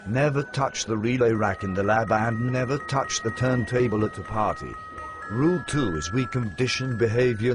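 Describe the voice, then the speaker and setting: A fairly low male voice over clear music: a man acting a sinister schemer in a comic horror audio play. He speaks deliberately, gloating to himself. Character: scheming male villain plotting alone outside a party. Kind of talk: scripted comic horror audio drama monologue.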